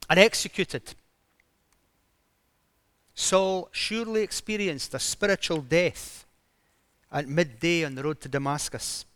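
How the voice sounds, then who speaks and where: A man delivers a sermon in a fairly high voice, telling the story with dramatic, emphatic rises. The sound is dry and close, with no room echo. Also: fairly bright tone. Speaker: preacher.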